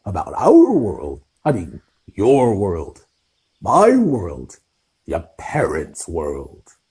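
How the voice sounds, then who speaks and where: Man acting out a gruff half-giant gamekeeper, booming, husky, dark. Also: huge pitch swings, extremely slow, full character voice. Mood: furious. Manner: booming, growling outbursts. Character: huge gruff half-giant gamekeeper, hot-tempered, kindly. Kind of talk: audiobook character voice.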